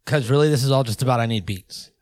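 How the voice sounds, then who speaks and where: Male co-host, medium pitch, dry sound, casual joking product demo banter. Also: fast, a little mellow, dry recording. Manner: slangy, loose, joking.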